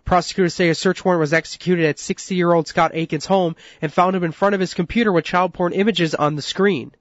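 A man's voice: high-pitched, fairly even intonation, a little fast, no room sound. An American man reading scripted news as a radio newsroom reporter. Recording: dull, band-limited radio audio.

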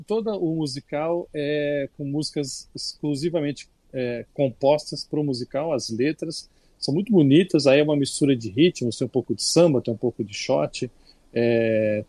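Here the Brazilian critic's voice sits a little high, moving at a moderate pace in a dry recording. Relaxed and conversational on the radio, the older man keeps restarting as he talks, his accent Brazilian Portuguese.

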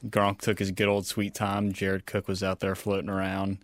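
A man's voice: deep voice, monotone, moderate pace, no echo. A man co-hosting a sports podcast, talking in an easygoing, agreeable way as a fan. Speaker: co-host. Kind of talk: casual sports talk.

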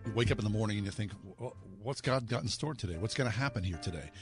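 A man's voice: fairly low pitch, expressive, racing, music in the background. A man hosting live radio, making a folksy, direct fundraising appeal to listeners. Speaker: radio host.

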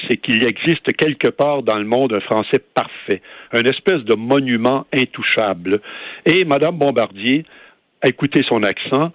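A man's voice: mid-range voice, dry recording. Québécois man lecturing down a phone line. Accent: Québécois French. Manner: emphatic, lecturing. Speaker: radio guest. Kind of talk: phone-in debate on radio. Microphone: telephone.

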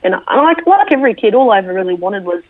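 An Australian woman, a military veteran, sharing her story slowly and reflectively as an interview guest, with many small fillers. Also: mid-range voice, big pitch swings, no room sound. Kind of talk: personal testimony interview. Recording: tinny phone line, dry.

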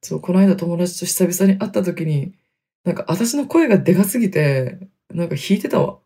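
Husky, gravelly-voiced woman chatting softly. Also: fairly low pitch, animated, normal speed. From Hokkaido, Japan. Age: 30s. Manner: chatty, self-deprecating, laughs often; speaking quietly on purpose. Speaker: podcast host. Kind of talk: casual solo podcast chat. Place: inside a closet in a wooden apartment studio. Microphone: computer mic in closet.

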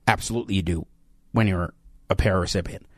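An American man hosting an opinionated radio talk show, speaking emphatically with halting self-corrections into a studio microphone. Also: low-pitched, dry recording. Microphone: close studio radio microphone.

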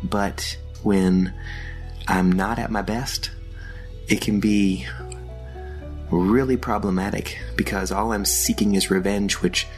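A man with an Austrian German accent, hosting a podcast and explaining ideas slowly and thoughtfully, with frequent fillers. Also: fairly low pitch, fairly even intonation, soft background music. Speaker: podcast host. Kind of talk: solo podcast teaching.

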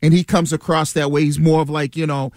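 A man's voice: on the high side, level tone, a little fast, a little mellow, dry recording, clean studio sound. An American man, a former player, talking sports casually as a radio panelist, reasoning aloud and often repeating himself.

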